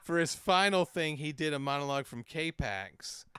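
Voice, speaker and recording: Smooth easygoing man telling podcast stories. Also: a little high, animated, moderate pace, pushed and bright, no room sound, studio quality. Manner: easygoing storyteller, swears casually. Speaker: podcast co-host. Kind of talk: casual comedic storytelling.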